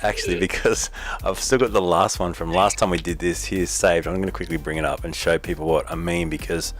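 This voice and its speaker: A man's voice: low voice, fairly even intonation, brisk. An Australian man hosting a sim racing broadcast, wrapping up and plugging sponsors in an easygoing way. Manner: easygoing, reads sponsor plugs. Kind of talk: casual post-race wrap-up.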